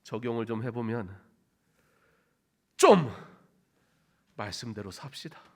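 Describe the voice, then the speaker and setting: A man preaching a sermon in a church, swinging between loud emphatic bursts and quiet, intimate stretches, acting out quoted phrases. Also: mid-range voice, normal speed. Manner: acts out quoted phrases with big dramatic shouts. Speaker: pastor. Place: church sanctuary.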